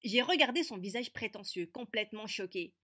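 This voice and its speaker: A woman voicing a feisty teenage girl who narrates an animated story with brisk, sarcastic wit. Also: fairly high pitch. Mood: sardonic.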